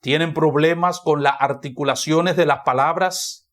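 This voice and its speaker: A man's voice: fairly high pitch, fairly even intonation, unhurried, a bit bright. A man with a Dominican Spanish accent, a pastor preaching a sermon in church, who repeats key phrases for emphasis.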